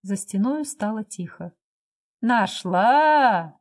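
Woman reading an old novel, audiobook style, measured and expressive, highish voice. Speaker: audiobook narrator. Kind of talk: literary audiobook narration.

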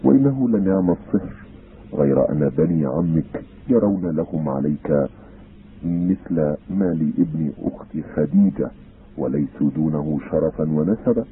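A man voicing a dignified elderly male clan elder in an audiobook, speaking in a formal, measured way. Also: very deep voice, lively intonation. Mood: earnest. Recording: tinny phone-like sound, faint hiss.

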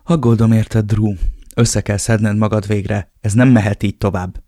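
A man's voice: lowish voice, flat delivery, mellow, no room sound, clean studio sound. A man voicing a worried older sister who pleads with her brother urgently and insistently, in an audiobook.

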